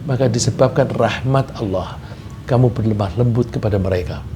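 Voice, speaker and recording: A man giving a calm, measured religious sermon, often using "ya" and "nah" as he explains. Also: lowish voice, slight background noise. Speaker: preacher.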